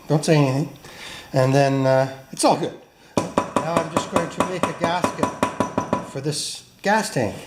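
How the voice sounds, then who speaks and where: Working in a garage, a man hosts a workshop video, chatting casually, joking, and poking fun at himself as he talks to viewers. His voice is a little high and unhurried, with long pauses, and the recording is very noisy.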